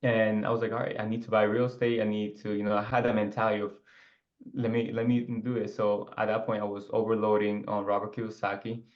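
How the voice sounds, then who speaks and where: A man in his twenties from Ecuador, a guest talking in a relaxed, rambling way, with many fillers, over a video call. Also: lowish voice, fast, muffled recording. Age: 20s. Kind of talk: casual interview.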